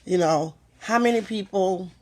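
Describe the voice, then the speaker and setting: A woman hosting her own talk, giving a reflective motivational monologue and asking the listener one rhetorical question after another. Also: mid-range voice. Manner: reflective, unhurried, with pauses. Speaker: host.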